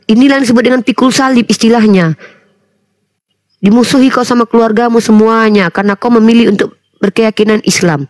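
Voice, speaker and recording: A woman's voice: on the high side, steady tone, brisk, a little mellow, dry recording. A woman preaches and scolds in a heated, accusing voice. She keeps hammering at the person she blames and calls out their name again and again. The sound is dry and close, with no room around it.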